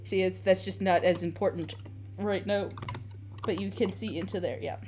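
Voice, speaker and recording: A woman improvising narration as game master in a tabletop game, casual and halting. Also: medium pitch, fairly even intonation, darkish tone, soft background music.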